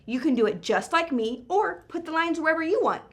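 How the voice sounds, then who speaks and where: A woman's voice: high-pitched, expressive, a bit bright. A woman hosting a children's craft show in a singsong, exaggerated way, explaining simply and encouragingly as she speaks to young viewers. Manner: singsong, exaggerated kids-show delivery with questions and pauses for the viewer. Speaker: host of a children's art show.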